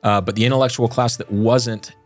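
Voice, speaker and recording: A man's voice: mid-range voice, steady tone, fairly quick, faint music behind. A man co-hosting a podcast, telling a story in a chatty, joking way. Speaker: podcast co-host. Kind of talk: casual chat.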